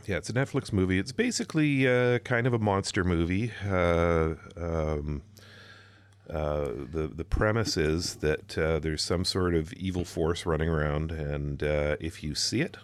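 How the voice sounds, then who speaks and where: A male podcast co-host with an extremely low voice, talking casually. He explains in halting bits, full of pauses and restarts. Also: clean tone, no echo. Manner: hesitant, many fillers and restarts when explaining. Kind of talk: casual chat.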